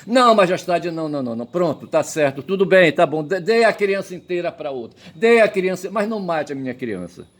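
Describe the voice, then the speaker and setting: A man's voice: sits high, lively intonation, fairly quick, few pauses, pitched above the performer's own voice. A man voicing a frantic young mother who begs over and over. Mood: pleading. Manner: pleading, repeating herself.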